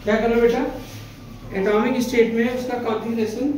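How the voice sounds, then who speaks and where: A man's voice: very high-pitched, flat delivery, moderate pace, darkish tone. A male chemistry teacher giving a classroom lecture, asking the students questions and answering them himself, affectionately calling them "beta". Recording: echoey classroom.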